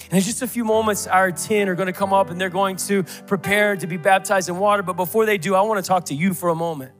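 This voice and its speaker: High, bright-voiced pastor preaching emphatically. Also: male voice, steady tone, fast talker, faint music behind. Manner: emphatic preaching with rhetorical questions and builds. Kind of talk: sermon.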